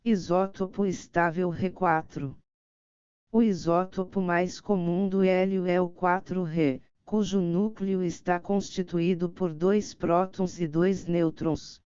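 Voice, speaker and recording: Clear, smooth low-pitched woman narrator. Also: steady tone, warm tone, no room sound, lo-fi sound. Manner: measured, formal reading. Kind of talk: scripted audiobook narration of an encyclopedic article.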